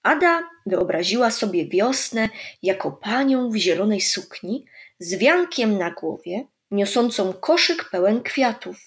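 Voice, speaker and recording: A woman reading a children's story aloud in an expressive, melodic way. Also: medium pitch, unhurried.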